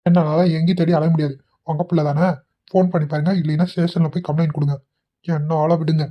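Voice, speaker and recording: A young cartoon husband with a deep, low voice, put on by a woman, snapping out quick, curt lines. He is blunt and short-tempered, and he scolds more than he talks. The sound is a little dull and lo-fi. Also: little pitch movement. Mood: irritated.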